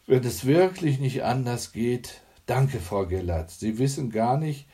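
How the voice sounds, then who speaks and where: A man's voice: mid-range voice, lively intonation, a little slow, dark tone, pitched above the performer's own voice, close to an everyday voice. A man voicing an anxious neighbour woman of about fifty who pleads for help in an audiobook. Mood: pleading. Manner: pleading, grateful.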